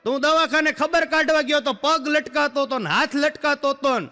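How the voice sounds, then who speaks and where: A man's voice: very high voice, fairly quick, sharp tone. A male stand-up comedian, telling punchy jokes with rhetorical asides to the crowd. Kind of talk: live stand-up storytelling. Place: live stage show. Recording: echoey hall reverb.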